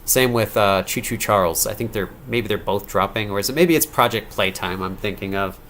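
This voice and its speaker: A man's voice: on the low side, fairly quick, fairly bright tone, slight background noise. A man in his thirties, a game developer on a casual live-stream Q&A, answering viewer questions late at night, rambling and correcting himself as he goes. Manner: rambling, self-correcting, reads donor questions aloud.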